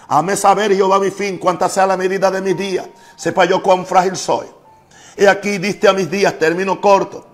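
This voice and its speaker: A man with preaching a sermon, his voice sitting a little high. He drives points home by repeating phrases. Soft music runs faintly underneath. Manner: emphatic preaching with repetitions. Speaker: pastor.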